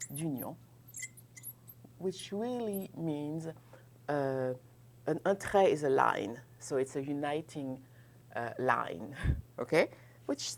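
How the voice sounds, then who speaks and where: A woman with a low voice teaches French grammar at an unhurried pace. She explains in English and sings out the French example questions with exaggerated rising pitch. Her pitch swings widely, and she keeps checking in with her students. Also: darkish tone. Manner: checks in often with "ok?", laughs lightly. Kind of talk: bilingual classroom grammar lesson.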